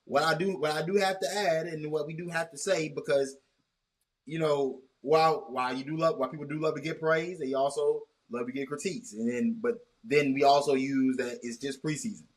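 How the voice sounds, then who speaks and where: A man hosting a casual sports chat, talking in long rambling runs with many restarts and a measured, cautious tone. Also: a little high, steady tone. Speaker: host.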